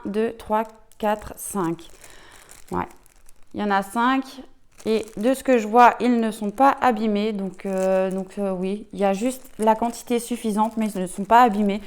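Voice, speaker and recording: A woman's voice: medium pitch, smooth. A woman chatting casually while unboxing a diamond painting kit, enthusiastic and full of fillers. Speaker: craft unboxing vlogger.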